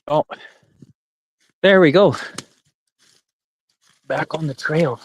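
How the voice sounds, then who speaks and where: A man's voice: fairly high pitch, drawn-out words, breathy edge, no echo, poor audio. A Canadian man in his forties rambling casually and profanely on a live stream while hiking a forest trail. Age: 40s.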